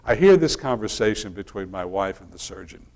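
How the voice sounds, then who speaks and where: A middle-aged male minister telling a personal story in a relaxed, folksy sermon style, often restarting his sentences. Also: fairly low pitch, a little fast.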